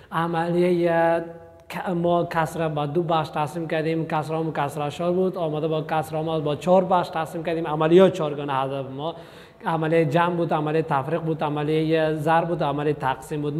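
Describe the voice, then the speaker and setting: A man teaches a math class. He walks through each example step by step and keeps encouraging his students. His voice sits on the high side, and a long echo rings after it in the room. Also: darkish tone.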